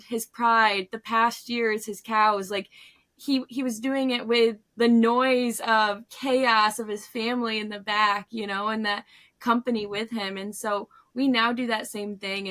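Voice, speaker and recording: A woman's voice: fairly high pitch, steady tone, unhurried, a bit bright. An American woman from Northern Pennsylvania telling stories in an earnest, reflective way as an interview guest. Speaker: guest, farm business co-founder. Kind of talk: casual interview storytelling.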